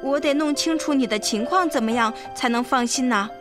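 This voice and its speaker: A woman's voice: high-pitched, fairly quick, over music, close to an everyday voice. A woman voicing a fretful, loyal male mouse who pleads and whispers in a storybook reading. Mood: worried.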